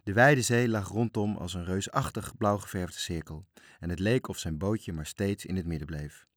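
A man reading a children's story aloud, telling it in a lively way. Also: low voice, moderate pace, dry recording, clean studio sound. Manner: lively, animated storytelling with voices. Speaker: narrator.

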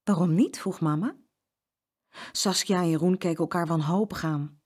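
A woman reading a children's story aloud with an expressive, lively delivery. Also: on the low side, moderate pace.

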